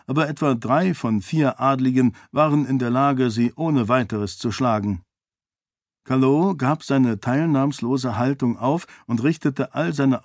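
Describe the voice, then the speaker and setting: A man narrating a novel in a steady, even storytelling manner, recorded on a close mic. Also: mid-range voice, no room sound. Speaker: audiobook narrator. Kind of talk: scripted narration.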